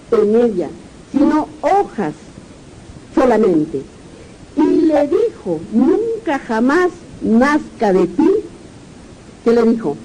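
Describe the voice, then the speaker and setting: A woman's voice: on the high side, warm tone, a little hiss or hum, low-quality recording. A woman pastor with a Peruvian Spanish accent, preaching a sermon, reading verses aloud and asking the congregation questions.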